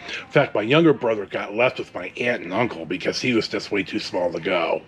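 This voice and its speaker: Speaking fairly quickly in a lowish voice, a man from California in his 60s hosts and tells a rambling, digressive story, swearing a bit. A little hiss or hum sits under the recording.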